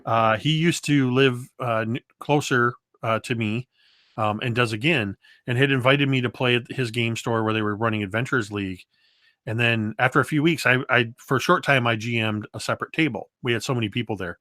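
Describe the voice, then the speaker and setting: A man guesting on an interview, telling game-table stories in a lively, animated way. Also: mid-range voice, brisk, dry recording, studio quality. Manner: lively storyteller, does voices and moves around. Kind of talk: casual interview talk.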